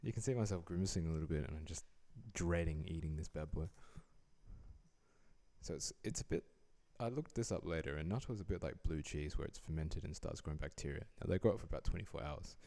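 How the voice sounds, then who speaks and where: A young man giving relaxed, dryly joking voice-over commentary as he rates food. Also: a bass voice, quick pace. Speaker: vlogger rating food.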